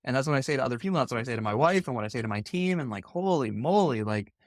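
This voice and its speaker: A man's voice: mid-range voice, expressive, rapid-fire, no echo, studio quality. A middle-aged man coaching a podcast co-host, asking probing questions with many fillers and restarts. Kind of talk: coaching conversation.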